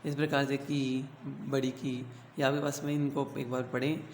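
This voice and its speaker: A man teaching a grammar lesson to schoolchildren. He explains slowly, asks the class questions and then answers them himself. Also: mid-range voice, little pitch movement. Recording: echoey room with faint hum.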